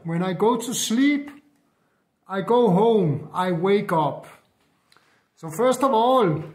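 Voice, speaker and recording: A man in his fifties from Denmark with a Danish accent, speaking English as a second language in a halting personal monologue with many fillers and restarts. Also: high-pitched. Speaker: spiritual vlogger.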